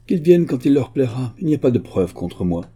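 A man's voice: medium pitch, sing-song, fairly quick, mellow, breathy edge, voice pushed up. A man voicing a frightened, guilty father who is a murderer. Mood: shaken. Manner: agitated, fearful.

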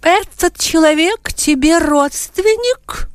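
A woman's voice: extremely high pitch, huge pitch swings, a little slow, no room sound, studio quality, pitched above the performer's own voice, exaggerated voice. A woman voicing a grasping older woman who questions sharply and makes demands. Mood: demanding. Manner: demanding, inquisitorial.

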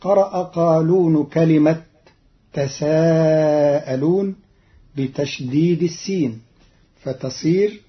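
Brief: male Quran scholar, higher pitched, unhurried and exact, dull vintage radio sound. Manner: slow, measured and precise, quoting verses in a chant. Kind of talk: explaining variant Quran readings. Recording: dull old radio archive recording.

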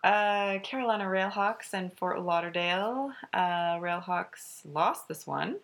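A woman's voice: lowish voice, a little slow, a bit bright. A woman co-hosting a soccer podcast, running through results and standings with frequent fillers. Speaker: podcast co-host. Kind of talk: casual sports chat.

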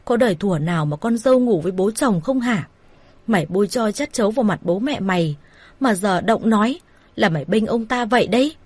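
A woman voicing an angry, foul-mouthed middle-aged mother who scolds and curses her daughter in a raised, loud voice. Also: mid-range voice, expressive, a little fast, slightly rough, dry recording. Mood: furious scolding.

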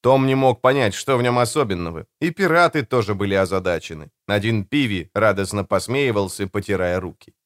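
Brief: male audiobook narrator, lively pitch, dry studio sound. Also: fairly quick, few pauses, dry recording. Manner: expressive storytelling. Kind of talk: scripted narration.

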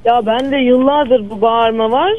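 A woman's voice: fairly high pitch, fairly even intonation, normal speed, narrow, tinny audio, faint music behind. A young woman calling into a radio show, chatting in a giggly, apologetic way. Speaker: caller. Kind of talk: casual phone-in chat.

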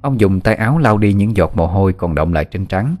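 A man with a very deep voice tells a ghost story in a steady, unhurried way. His delivery is even and scripted. Soft music plays faintly behind him.

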